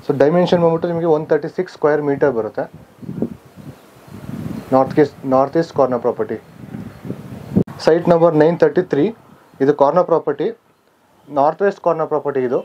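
A man with a slightly high voice leads a walking tour of vacant plots outdoors, reeling off figures in a plain, matter-of-fact way. He fills pauses with "aa" and corrects himself mid-phrase. The camera audio is a bit muffled, with faint outdoor ambience underneath. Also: mellow, slight background noise. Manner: plain listing of figures with frequent "aa" fillers and self-corrections. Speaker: real estate guide touring sites. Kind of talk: walking site-tour narration. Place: outdoors among vacant plots on a residential street.

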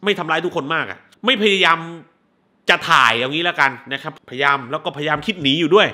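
A man doing a casual spoiler recap of a movie, crude and animated, who swears freely. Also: on the high side, quick pace.

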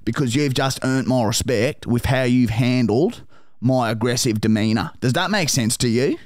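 Lightly acted, this prank call features a man with an Australian accent voicing a loud, pleading, crude bogan bloke who swears nonstop and calls everyone mate and brother. He speaks at normal speed in a mid-range voice, captured with studio quality and no room sound.

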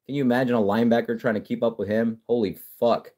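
A man hosting a casual sports livestream, reading viewer comments and talking trash in a profane, excitable way with frequent restarts. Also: medium pitch, fast. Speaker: livestream host. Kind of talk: casual live-stream chat reading comments.

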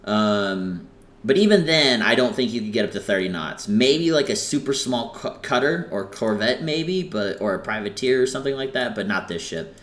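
A man's voice: mid-range voice, expressive, moderate pace, fairly bright tone. A young man giving casual, rambling commentary over a game he is playing, full of fillers and self-corrections. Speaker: gaming channel host.

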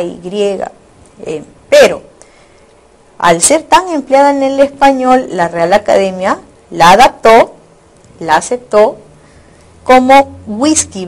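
A woman teacher speaks in a recorded lesson at an ordinary middle pitch. She explains step by step, restating each point in new words. She keeps checking in with her students through short tag questions. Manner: repeats and rephrases points. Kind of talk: recorded online lecture.

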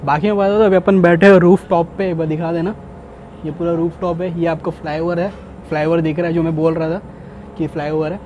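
Young guy food vlogging on a rooftop, kinda high voice but mellow, chatty between bites, light hiss behind. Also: little pitch movement, fairly quick, lo-fi sound. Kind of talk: casual food review vlog. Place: rooftop restaurant, outdoors.

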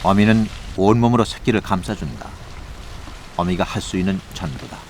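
A man narrating a scripted nature documentary in a measured, formal storytelling manner. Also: deep voice, a little mellow, a little hiss or hum. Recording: voice over background music. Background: music.

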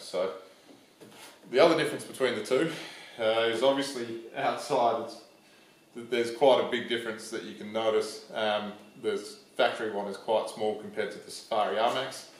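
Australian man in an echoey workshop. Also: on the low side. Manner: relaxed, plain-spoken, frequent ums and uhs. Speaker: vlogger. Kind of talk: casual how-to explainer. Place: large metal workshop shed.

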